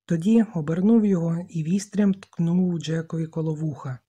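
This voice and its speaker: Audiobook reader, steady measured narration, soft husky warm voice. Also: medium pitch, dull audio. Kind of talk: scripted narration.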